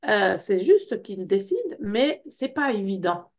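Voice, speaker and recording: With a sing-song, mid-range voice and a slightly slow pace, a middle-aged woman from Belgium talks through an informal info session on a personal development workshop. Her Belgian French accent shows, and she speaks conversationally, using many fillers and the tag "hein".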